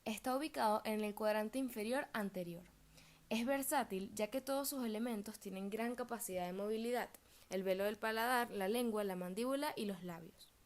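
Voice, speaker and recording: A young adult student presenter reads her research presentation aloud, carefully pronouncing each term. Her slightly high voice carries a steady, studious delivery.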